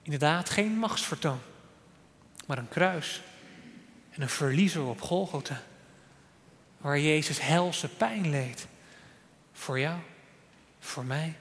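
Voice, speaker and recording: A man delivers a sermon with a fairly high, unhurried voice. He leans hard on key words, then drops to a quiet, soft tone. The long reverb of a church hall trails after each phrase. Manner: earnest preaching, swings between loud emphasis and soft quiet lines. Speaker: preacher.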